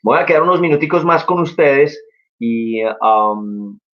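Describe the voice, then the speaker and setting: A man's voice: mid-range voice, expressive, unhurried. A young man teaching English in a casual live stream, upbeat and encouraging as he explains step by step. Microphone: live-stream mic. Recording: dull lo-fi stream audio.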